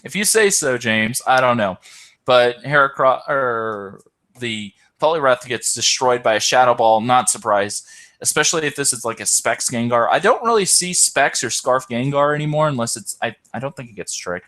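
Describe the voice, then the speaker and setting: A man's voice: mid-range voice, expressive, normal speed, sharp tone. A tired man hosting and commentating an online game tournament, hesitant, with many ums and self-corrections. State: tired, yawning.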